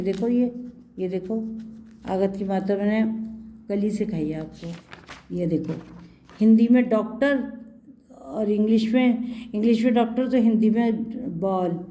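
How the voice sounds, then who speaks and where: A woman's voice: a little high, dark tone. A woman teaching Hindi to young children, patiently repeating words for them to echo and mixing in English words.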